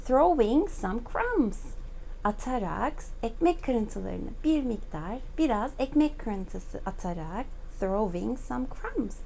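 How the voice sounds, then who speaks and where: A woman from Turkey reading a children's book aloud as a lesson, slowly repeating each phrase and translating it. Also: a little high, sing-song, vocal fry, darkish tone, a little hiss or hum. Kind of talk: bilingual read-aloud lesson.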